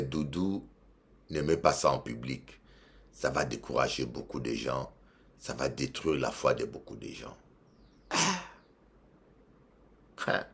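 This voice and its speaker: A man with a Congolese French accent, a bishop preaching a sermon, emphatic and repeating phrases, swinging between loud and quiet. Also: a bass voice.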